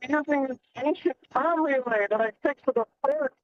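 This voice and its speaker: A man talking through a distorted, mistuned ham radio that is losing power, halting and repeating himself through the static. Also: very high voice. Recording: tinny, phone-like radio signal.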